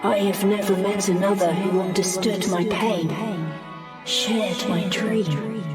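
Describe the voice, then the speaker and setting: Soft earnest dream boy voiced by a woman, slow, far off, violin music behind. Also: mid-range voice, steady tone, lightly acted. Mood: tender. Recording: distant voice over loud music.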